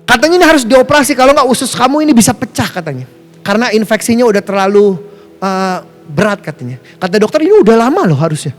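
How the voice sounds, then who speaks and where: A high-pitched male pastor with a lilt tells a story from the pulpit, chatty and playful. He keeps asking the congregation questions and jumps up in pitch to act out other voices. Soft music plays faintly behind him in the church. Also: lively intonation, fast. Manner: acts out quoted voices with sharp pitch jumps. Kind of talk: sermon storytelling.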